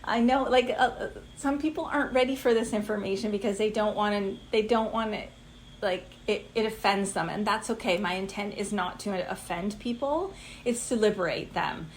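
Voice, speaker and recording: A woman's voice: mid-range voice, normal speed, a little hiss or hum, low-quality recording. A woman in her forties, a coach giving a casual masterclass, chatty and full of fillers. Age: 40s.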